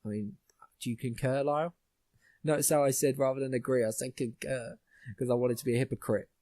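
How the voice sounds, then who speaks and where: A man's voice: mid-range voice, fairly even intonation, fast talker, mellow, no room sound. A young man hosting a podcast, ranting bluntly with plenty of swearing in casual chat. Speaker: podcast host.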